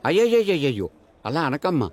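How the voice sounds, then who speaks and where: Vain lecturer, pompous, wheedling, lively swooping pitch, fast talk, film score behind. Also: male voice. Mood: flattering. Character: vain, scheming middle-aged male lecturer. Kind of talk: comic film dialogue.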